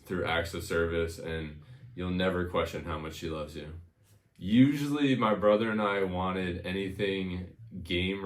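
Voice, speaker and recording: A man in his thirties from Connecticut, with an American accent, speaks in a low, reverberant voice. He's an interview guest casually sharing personal stories, reminiscing informally and saying "you know" a lot.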